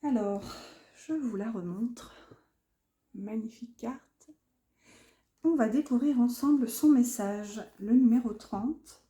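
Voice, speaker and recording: A woman with a fairly high voice and a soft, mellow tone. She presents oracle cards gently, taking her time over each phrase. A slight lisp colours her speech as she moves between casual remarks and read-aloud texts. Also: slow pace, long pauses. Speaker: oracle card deck presenter.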